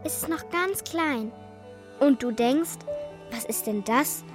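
In a children's radio play, a little girl speaks slowly in a high voice, playful and matter-of-fact as she doubts and imagines in a childlike way. Faint music plays in the background.

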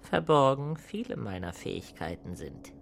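A gravelly whispering alien guinea pig. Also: female voice, a bass voice, big pitch swings, moderate pace, slight background noise, exaggerated voice. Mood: lofty. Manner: whispering, inverted Yoda-like word order. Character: ancient alien guinea pig plotting humanity's end.

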